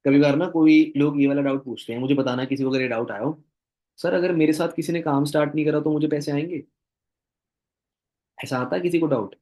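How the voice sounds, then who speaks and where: A young man coaches recruits in a casual, emphatic way, with a slightly high voice. He repeats lines for stress and plays both sides of a sales talk. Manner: acts out both sides of dialogues, addresses viewers as "bhai". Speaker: network marketing trainer. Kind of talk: casual motivational training talk.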